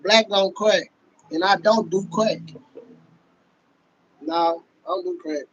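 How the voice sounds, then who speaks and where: A man, hosting a casual livestream rant. He talks loudly and profanely to his viewers, laughing often. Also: high voice, slow, highs cut off, slight background noise. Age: 30s. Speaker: livestream host.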